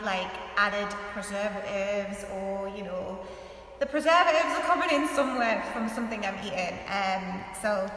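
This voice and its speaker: A woman's voice: medium pitch, a bit bright. A woman vlogger talking casually and informally to her followers, often saying "like", in a big echoey room. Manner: chatty, informal, frequent "like" as filler. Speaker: health vlogger and author. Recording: big echoey room, distant mic, faint hiss.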